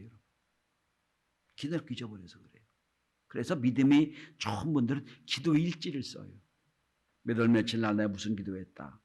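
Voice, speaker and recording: A man preaching a sermon to his congregation as pastor, often turning to address them, his delivery swinging between loud calls and hushed whispers. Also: mid-range voice.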